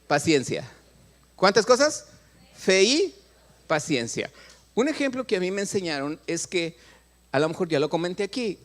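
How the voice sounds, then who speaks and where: Mexican male pastor, middle-aged, sermon voice sitting high, big swinging pitch, plays out little dialogues. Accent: Mexican Spanish. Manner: animated, acts out prayers and dialogues, asks the congregation questions. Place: church.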